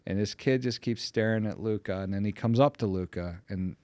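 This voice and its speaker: A middle-aged man from the Pittsburgh area telling family stories in a casual chat, animated when amused. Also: on the low side, fairly quick, clear, resonant tone, dry recording. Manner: animated anecdote teller, voice jumps up when amused. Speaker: podcast guest.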